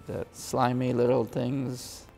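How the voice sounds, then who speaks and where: A man's voice: mid-range voice, completely flat delivery, slow, creaky, warm tone, long reverb tail, soft background music. A man hosting an interview, musing and hesitant with fillers. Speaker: interviewer host.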